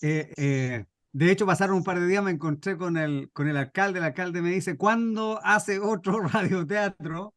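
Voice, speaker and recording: High-pitched and fairly bright, this middle-aged Chilean man speaks at a moderate pace with hardly any pauses, on clean studio sound without echo. A radio drama scriptwriter and workshop speaker, he introduces himself to a group and shares informal anecdotes with somewhat hesitant phrasing.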